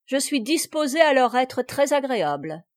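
A woman's voice: high-pitched, very animated, normal speed, dry recording. A woman voicing a proud young courtesan who answers curtly and coolly. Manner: curt, cool. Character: proud young beautiful courtesan, cool and curt.

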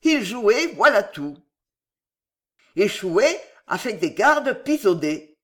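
Une femme qui joue une jeune femme de chambre rusée, volubile et enjôleuse, qui plaide avec aplomb. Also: female voice, mid-range voice, big pitch swings, takes it slowly. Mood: enjôleur. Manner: voluble, wheedling, theatrical. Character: young cunning female chambermaid, glib and persuasive.

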